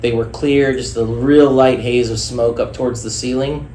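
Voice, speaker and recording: A man's voice: medium pitch, fairly even intonation, normal speed, a little mellow. A male firefighter recounting an incident response in a hesitant, procedural way. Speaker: firefighter, engine company officer. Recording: echoey room with faint noise.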